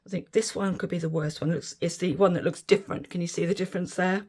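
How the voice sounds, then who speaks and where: Fairly low and darkish, slightly rough, with fairly even intonation and a quick pace, this middle-aged woman's voice is going as she chats through a resin demonstration. The vlogger is giggly and easily delighted throughout.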